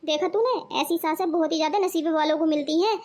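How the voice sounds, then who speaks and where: A woman's voice: very high voice, quick pace, a little mellow. A woman voicing a scolding, preachy middle-aged mother in a cartoon. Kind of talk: cartoon voice acting.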